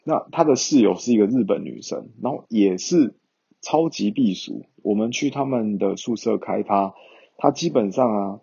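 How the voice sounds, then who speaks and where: Gravelly young man telling a story. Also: fairly low pitch, animated, moderate pace, warm tone, muffled recording. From Taiwan. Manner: chatty, rambling, many fillers. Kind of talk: casual storytelling to viewers.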